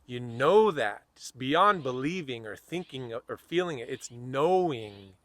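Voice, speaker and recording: Soft-spoken earnest American man teaching. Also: mid-range voice, lively intonation, dry recording. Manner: slow, soft, earnest, repeating phrases. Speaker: self-help teacher. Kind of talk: guided spiritual talk to camera.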